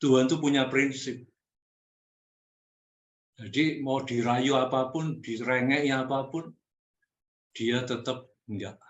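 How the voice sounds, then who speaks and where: A man's voice: mid-range voice, fairly even intonation, slow pace, pauses often, muffled recording. Man, preacher, conversational sermon, direct challenges, echoey room. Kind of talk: sermon teaching.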